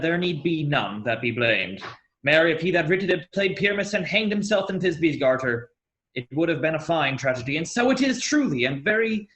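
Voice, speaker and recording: A man playing a stately duke, speaking measured, declamatory verse. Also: fairly high pitch, a bit bright, low-quality recording. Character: stately duke closing the night's revels. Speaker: student actor.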